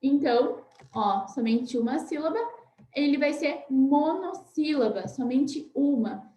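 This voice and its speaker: A Brazilian woman teacher giving a recorded class for young children, patiently spelling words out slowly and often checking in with "né?". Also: sits high, lively intonation, dark tone, roomy sound, slight background noise, poor audio. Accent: Brazilian Portuguese. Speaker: primary school teacher.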